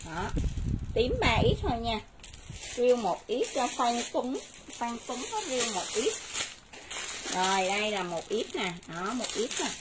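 Brisk saleswoman, higher voice. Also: sing-song. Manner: brisk, repeats sizes and prices, addresses viewers. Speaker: livestream clothing seller. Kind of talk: live sales stream. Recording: noisy livestream audio.

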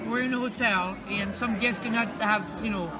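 A woman's voice: fairly high pitch, fairly even intonation, brisk. Inquisitive woman host in a busy restaurant. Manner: curious, prompting questions. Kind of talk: casual chat with staff. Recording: loud music and crowd noise.

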